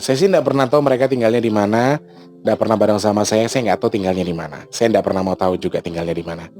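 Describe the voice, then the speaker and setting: A man hosting a casual storytelling vlog, talking in an animated way with frequent exclamations. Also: lowish voice. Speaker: channel host.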